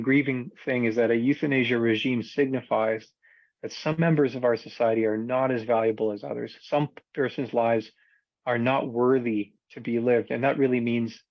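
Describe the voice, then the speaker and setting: A man delivering a formal prepared argument in a measured, earnest and articulate way. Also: medium pitch, dry recording, dull audio. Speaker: panel speaker, doctor.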